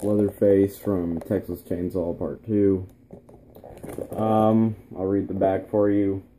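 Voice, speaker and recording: A teenage man chatting casually through an unboxing vlog in his bedroom, relaxed and rambling with plenty of ums. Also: low-pitched, takes it slowly, slight background noise. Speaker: vlogger. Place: small bedroom, indoors.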